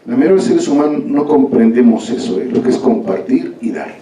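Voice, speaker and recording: A man's voice: mid-range voice, expressive, fairly quick, mellow, slight background noise. A man, an author telling a story aloud to an audience in a conversational way, often tagging lines with a questioning "no?". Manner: conversational, with frequent "¿no?" tags. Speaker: author presenting his book. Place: large formal hall. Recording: echoey hall from far off.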